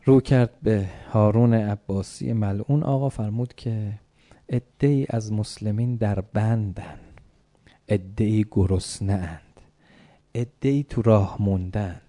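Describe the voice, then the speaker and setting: Guy preaching, telling a story all dramatic, soft then loud, mellow dark tone, talks right to the crowd. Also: lowish voice. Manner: swings from hushed to loud, declaiming; addresses listeners directly.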